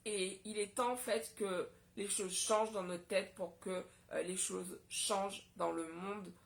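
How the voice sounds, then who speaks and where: A woman from Guadeloupe delivers a casual solo vlog monologue. She talks with indignant passion. Her voice sits at a middle pitch. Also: steady tone, measured pace, vocal fry. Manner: impassioned, indignant. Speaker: vlogger.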